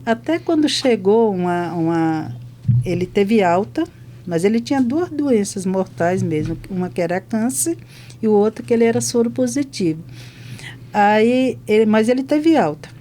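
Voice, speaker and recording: Older woman, chaplain; warm, mellow voice; lively storyteller who acts out the dialogue. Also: medium pitch, moderate pace, slight background noise. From Brazil. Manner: lively retelling that acts out both sides of conversations. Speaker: hospital chaplain. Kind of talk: podcast testimony storytelling.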